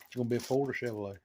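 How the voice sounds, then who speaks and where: Middle-aged male host, loud exclaiming, cusses, lively swinging voice, workshop setting. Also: mid-range voice, very noisy. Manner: excitable, swears a lot, exclamatory. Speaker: channel host. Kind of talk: casual chat in a workshop. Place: home hobby shop.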